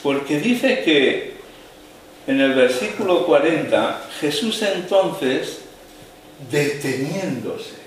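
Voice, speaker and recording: A man preaching a sermon, slow and dramatic, dropping to a hush and then rising to a raised voice. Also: a little high, lively intonation, slight background noise. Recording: echoey hall, heard from a distance.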